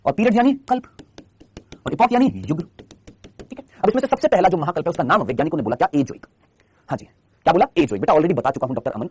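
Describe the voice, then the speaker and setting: Teaching a live online biology class in Hindi, a man with a fairly high, darkish, breathy-edged voice quizzes his students with constant rhetorical questions and answers them himself.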